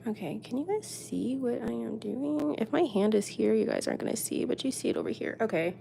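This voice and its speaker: A woman's voice: on the high side, animated, a little fast, warm tone. A woman chatting casually as a nail technician giving a live tutorial. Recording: clearly noisy background.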